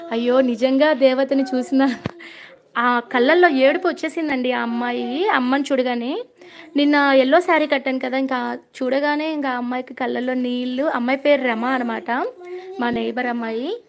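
High, gravelly woman chatting live. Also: fairly even intonation, normal speed. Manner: chatty, storytelling, reads out viewer comments. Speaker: devotional livestream host. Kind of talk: casual live chat with viewers. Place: home prayer room.

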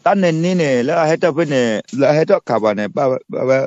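A man co-hosting a casual chat, talking in long, rapid, run-on stretches. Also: fairly high pitch, animated, darkish tone, no room sound, muffled recording.

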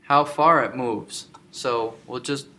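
A man giving a screen-recorded software tutorial, explaining step by step with many filler ums. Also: medium pitch, fairly even intonation, takes it slowly. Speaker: tutorial instructor.

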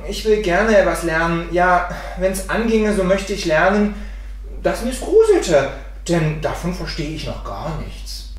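A woman's voice: on the low side, big pitch swings, unhurried. A woman reading aloud plays a naive, fearless boy from a storybook who pleads earnestly and eagerly. His voice swings up and down a lot. It sounds like it was recorded from a distance in a very echoey room. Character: simple fearless boy, young son.

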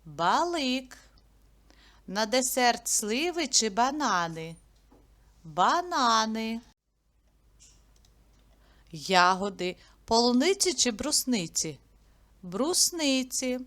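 A woman teacher with a slightly high voice talks very slowly. She asks easy questions and answers them herself, stretching each word so it is clear. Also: sing-song, a bit bright. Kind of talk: slow, clear classroom lesson narration.

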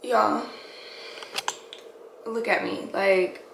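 A woman's voice: mid-range voice, fairly even intonation, very slow, creaky. A woman vlogging casually to her viewers, a working mom who has just woken up and sounds sleepy, repeating phrases for emphasis. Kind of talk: casual chatty vlog. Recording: echoey room with faint noise.

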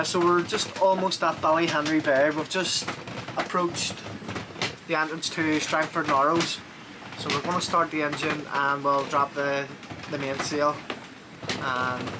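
A slightly high-voiced sailing vlogger from Northern Ireland narrates casually to a close-held action camera while sailing a small boat, outdoors and down in the cabin. He's relaxed, informal and chatty, using easy fillers. The outdoor camera audio is windy, with wind and water noise around him.

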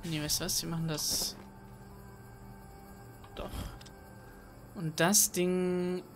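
A woman with a fairly low, fairly flat voice speaks slowly over faint music while playing a game at home at night. As a let's play host on a desk mic, she chats casually, mocks herself and fills her thinking aloud with fillers.

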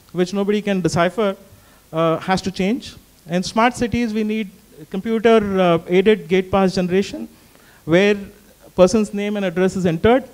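High-pitched man explaining methodically. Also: darkish tone. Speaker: panelist. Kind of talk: panel discussion. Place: stage at a panel event. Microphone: handheld mic.

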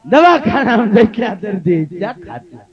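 A man telling comic folk stories on stage with a Gujarati accent, a lively storyteller who jumps into shrill high voices for the women in his tales. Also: moderate pace. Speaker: folk comedian. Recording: dull lo-fi stage recording with crowd. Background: audience laughter.

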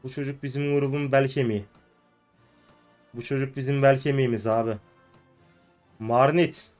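A hoarse man who is ill, commenting on his own gameplay and often breaking into cursing rants at the game. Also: medium pitch, steady tone, normal speed, a little mellow, faint music behind. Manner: ranting and cursing at the game, frequent outbursts. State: hoarse from illness. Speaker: gaming video host. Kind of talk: let's play commentary.

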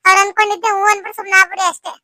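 A woman plays a shy young bride from a village in a cartoon, polite and hushed, with a North Karnataka Kannada accent. Her voice is very high and flat, with a hard, bright edge, and the recording is dry. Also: racing, dry recording, exaggerated voice.

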